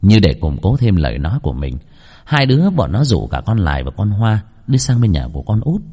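A man narrating a ghost story in an expressive storytelling manner. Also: lowish voice, brisk, husky.

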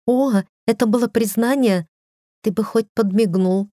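Woman voicing a teasing lovestruck young heroine, warm low-ish voice, dry close sound. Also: unhurried, dry recording. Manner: teasing, lifted higher than the narration.

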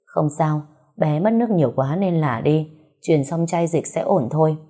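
Woman doing a plain no-nonsense kids doctor in a story, low and mellow, calm. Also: moderate pace. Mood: reassuring. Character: male pediatric doctor, matter-of-fact.

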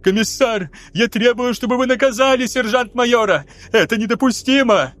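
A man's voice: very high-pitched, moderate pace, fairly bright tone, voice pushed up. A man voicing a cowardly young male officer, pleading and frantic. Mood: indignant.

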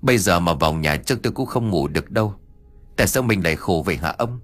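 A distraught middle-aged mother, tearful and insistent, as a male narrator puts her on. She pleads with a lively, wavering pitch. Faint music plays underneath. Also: fast talker.

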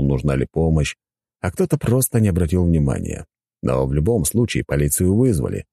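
A man narrating a scripted story in a lively, animated way, with a husky voice. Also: extremely low pitch, no room sound, studio quality.

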